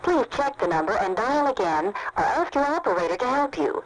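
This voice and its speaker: A woman delivering a formal recorded telephone announcement in a measured, polite, repetitive way, heard through a fuzzy, crackly, distorted phone recording. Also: on the high side, sing-song.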